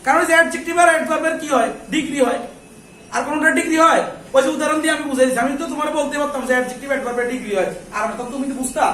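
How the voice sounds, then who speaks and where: A man with a very high-pitched, sharp voice races through an English grammar lesson, firing questions at his students, answering them himself, and scolding anyone who chats. The recording picks him up from far off in an echoey classroom, with a little hiss or hum.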